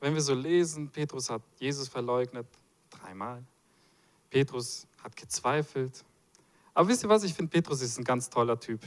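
A man with a mid-range voice and moderate pace preaches a sermon in a church, reading from the Bible. He is animated and jokes with the congregation through playful asides.

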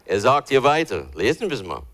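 A man's voice: mid-range voice, big pitch swings, fairly quick, fairly bright tone. A man teaching from the Bible in an informal, conversational way, thinking aloud as he looks for verses. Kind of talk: informal Bible study talk.

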